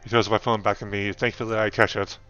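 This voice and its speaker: A man with a lowish voice reads a visual novel aloud as a game streamer, adding casual remarks. The sound is somewhat dull, with some music behind him. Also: flat delivery, quick pace, a bit bright, clear, resonant tone.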